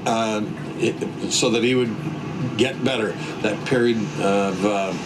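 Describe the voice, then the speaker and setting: A man delivering a news report haltingly, stumbling and losing his words. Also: fairly low pitch, steady tone, heavy background noise.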